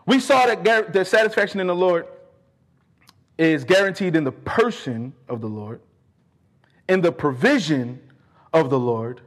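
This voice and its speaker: Male preacher, fervent and emphatic, fairly high-pitched and very animated, leaning on repeated phrases as he expounds scripture. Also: unhurried, pauses often. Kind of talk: sermon with scripture exposition.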